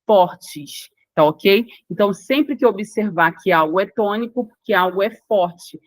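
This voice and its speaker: A woman with a Brazilian Portuguese accent teaches an exam-prep grammar lesson, laying out rules step by step, repeating key words and checking that the listener follows. Her mid-range voice is expressive and a little slow, with no echo.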